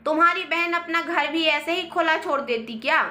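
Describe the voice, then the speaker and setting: A woman voicing an angry, quarrelsome young wife who shouts accusations, in a roomy echo. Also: very high-pitched, moderate pace.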